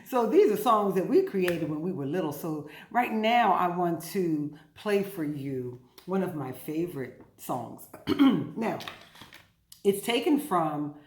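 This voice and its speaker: A woman leads storytime for little children, her very animated voice swinging up and down as she playfully chats and keeps asking her young listeners questions. Her voice is on the low side and she takes it slowly. The room is noticeably echoey.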